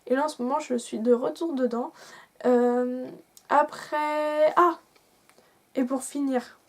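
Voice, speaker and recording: A woman's voice: high voice, fairly even intonation, slow pace. A young woman chatting casually to camera as a vlogger, rambling with many fillers and restarts.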